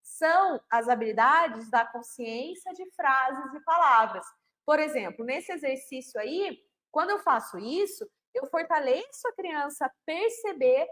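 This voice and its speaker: Woman, Brazilian accent, high voice, explanatory teaching tone, poses and answers questions. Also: a bit bright. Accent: Brazilian Portuguese. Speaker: literacy teacher trainer. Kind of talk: online lesson on phonological awareness.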